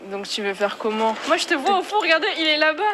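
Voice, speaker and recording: A woman hosting and playing in a casual gaming video, talking in animated, teasing slang. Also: sits high, fast. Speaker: gaming video host and player. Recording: music behind the voice.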